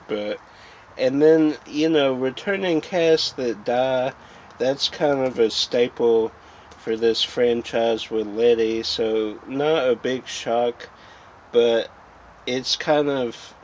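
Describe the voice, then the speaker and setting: The film-collecting channel's host talks in an unscripted, casual vlog, rambling and musing aloud while examining items. He has a darkish, medium-pitched voice, captured in dull lo-fi sound over background noise.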